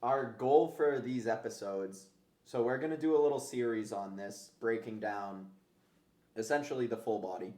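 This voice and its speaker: A man's voice: medium pitch, normal speed, mellow. A man hosting a casual fitness podcast, talking conversationally with gym-bro slang and casual swearing. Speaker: podcast host. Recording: roomy, echoey sound.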